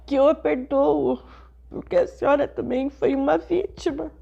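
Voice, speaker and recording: A middle-aged woman pastor, telling a personal testimony in a sermon with slow, emotional storytelling. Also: sits high, fairly even intonation, vocal fry, mellow, dull audio.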